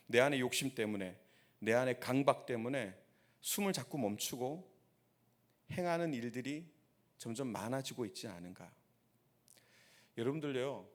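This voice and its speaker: A man, a pastor, preaching a sermon and telling a story while asking the congregation rhetorical questions. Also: mid-range voice. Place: church sanctuary.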